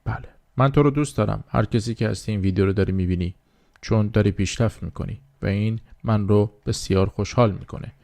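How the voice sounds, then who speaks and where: Man, language teacher, gravelly, lowish voice, patient repetition. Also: mellow, no room sound. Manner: slow drilling repetition of words, patient explaining. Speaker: English teacher. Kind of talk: beginner language lesson.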